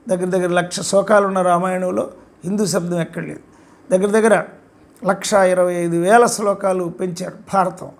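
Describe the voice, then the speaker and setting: A man's voice: high-pitched, fairly bright tone. An older man giving an emphatic, repetitive spoken lecture about his own book. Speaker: author discussing his book.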